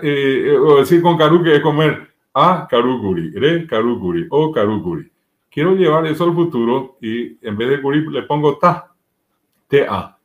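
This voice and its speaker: Paraguayan man, mid-pitched, patient teacher explaining grammar with examples, interview setting. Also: muffled recording. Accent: Paraguayan Spanish. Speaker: Guarani language teacher.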